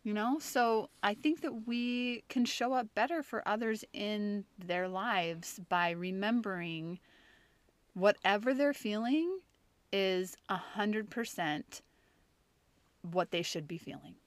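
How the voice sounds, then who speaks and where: A woman in her thirties co-hosting a casual podcast, speaking earnestly and getting animated when she acts out quotes. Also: medium pitch, slow pace, dry recording. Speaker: podcast co-host.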